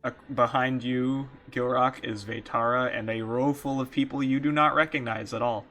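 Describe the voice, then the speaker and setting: A man's voice: medium pitch, fairly even intonation, moderate pace, a bit bright. A man narrating as game master of a tabletop game, laughing often between lines.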